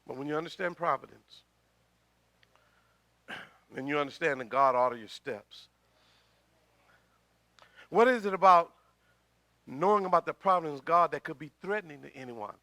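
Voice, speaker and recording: A man's voice: a little high, expressive, normal speed, long pauses, pushed and bright, dry recording. A middle-aged man preaching a sermon as pastor, talking in a conversational way, repeating words and swelling in volume, with a slight cough.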